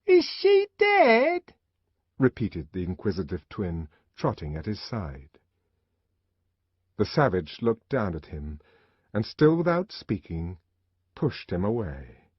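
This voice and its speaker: Husky, expressive male audiobook narrator. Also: deep voice, slow pace, pauses often, dry recording. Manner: dramatic, expressive reading. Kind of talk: scripted literary narration. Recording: dull lo-fi audiobook recording.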